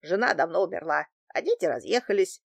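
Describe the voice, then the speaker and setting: A woman reader voicing a small, impatient old man with a hoarse, cracked, high voice and a gruff, curt way of talking. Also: animated, fairly quick, dry recording. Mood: bitter.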